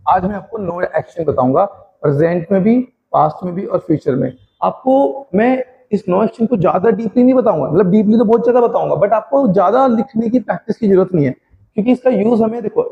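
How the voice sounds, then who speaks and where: An Indian man teaching a spoken English class in Hindi, slowly drilling tongue twisters and encouraging his students like a caring teacher. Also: high-pitched, gravelly, lo-fi sound. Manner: addresses students as "beta", encouraging.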